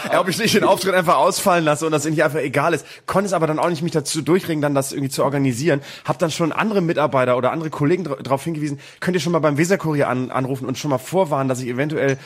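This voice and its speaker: A man in his thirties telling a story in a casual chat, animated and acting out other people's lines. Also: on the high side, very fast, few pauses, husky. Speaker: podcast co-host.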